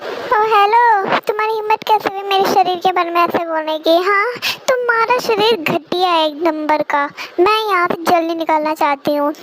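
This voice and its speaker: Woman voicing a sassy, shrill young woman. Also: noisy background. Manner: sassy, shrill, quick to threaten. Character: feisty young woman stuck in a man's body. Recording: music playing underneath.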